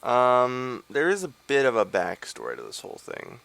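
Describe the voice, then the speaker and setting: A man's voice: medium pitch, wildly swooping pitch, moderate pace, vocal fry, a bit bright. A young man hosting a let's play, giving rambling, sarcastic gameplay commentary into a desk microphone. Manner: rambling, sarcastic, many fillers.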